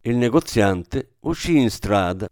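A man narrating a novel aloud in a measured, storytelling manner, raising his pitch for the characters' quoted lines. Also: lively intonation, darkish tone, dry recording, studio quality. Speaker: audiobook narrator. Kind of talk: scripted narration.

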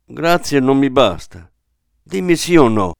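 A man's voice: mid-range voice, big pitch swings, measured pace, creaky, smooth, no room sound, studio quality, voice pushed up. A man reading the lines of a blunt, insistent young suitor in a radio reading. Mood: pressing.

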